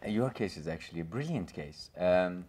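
This low, expressive, somewhat dark voice belongs to an Iranian man in his thirties, a filmmaker sitting on a gallery panel. He talks at a normal speed with a Persian accent, earnestly wandering through fillers and false starts for an audience in a small room.

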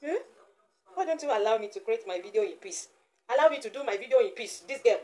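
A woman's voice: fairly high pitch, lively intonation, fast talker, darkish tone. A woman, chatting playfully in a casual vlog and cooing teasingly at her baby. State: sweating, flustered. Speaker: vlogger, mother of a baby.

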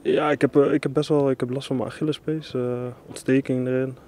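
A man's voice: medium pitch, little pitch movement, brisk, mellow. A young man, a footballer, answering interview questions hesitantly with many fillers.

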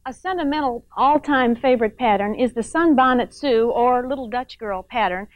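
On an instructional quilting program, a middle-aged host with a higher voice chats through each step at normal speed, frequently adding tag questions for viewers. The audio is dry and muffled.

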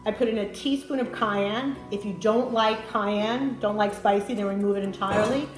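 On a rough recording, a cooking show host in her middle years explains a recipe one step at a time, speaking at a moderate pace in a steady, medium-pitched voice. It's a casual demo in a home kitchen indoors, backed by music and frying, sizzling sounds.

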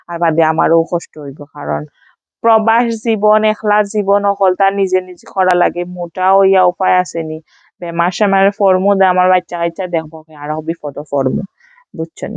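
A woman's voice: lowish voice, vocal fry, darkish tone, clear, resonant tone, no echo, dull audio. A woman from Sylhet, Bangladesh, with a Sylheti Bengali accent, chatting casually in a vlog voice-over and sprinkling in English fillers. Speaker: vlogger.

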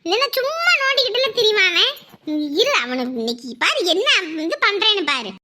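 A woman's voice: very high voice, sing-song, a little fast, pushed and bright, full character voice. Indignant village mother, as a woman plays her. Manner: indignant, ranting. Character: angry middle-aged village mother, protective of her daughter. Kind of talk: web drama acting.

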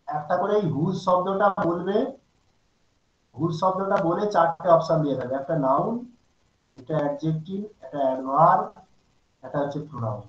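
A man's voice: a little high, moderate pace, pauses often, echoey room, dull audio. A man teaching English grammar in an online class, stopping often to ask his students questions. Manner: asks students frequent check questions. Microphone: video call.

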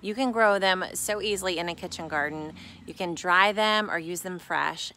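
A woman's voice: fairly low pitch, a bit bright. A woman in her forties gives a casual outdoor gardening tutorial by a raised bed, speaking into a phone at arm's length. She is chatty and upbeat, with lots of "like" and "um", and she works with the plants while she talks. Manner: chatty and upbeat, with many fillers like "like" and "um"; handling and cutting plants while talking. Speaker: gardening teacher and channel host. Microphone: phone held at arm's length.

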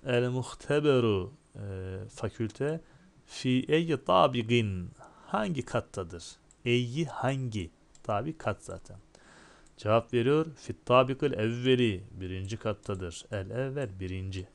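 A man's voice: mid-range voice, a little slow, gravelly. A man teaching a recorded lesson, explaining and translating line by line and asking and answering his own questions, with dry classroom jokes. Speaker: Arabic teacher.

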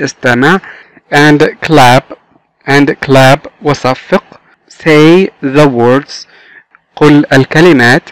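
Egyptian guy doing a kids english lesson, kinda high voice, drags out every english word slow. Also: fairly bright tone, no echo. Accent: Egyptian Arabic. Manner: slow, drawn-out English words. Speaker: English teacher.

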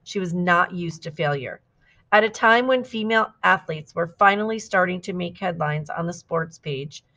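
Female storybook reader, lower voice, measured narration. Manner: steady, clear storytelling with lively quoted shouts. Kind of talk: scripted narration of a picture book.

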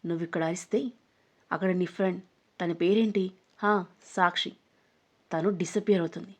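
A woman voicing an arrogant, threatening young man in an audio story, speaking low and mocking. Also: steady tone, moderate pace, darkish tone. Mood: menacing. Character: menacing arrogant young man, a rich bully. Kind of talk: storybook narration.

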